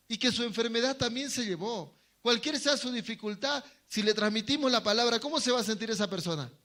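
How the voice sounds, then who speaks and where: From Bolivia, a man preaches to his congregation in a church hall, posing questions and answering them himself, now and then acting out brief quoted voices. His voice sits high with a fairly bright tone.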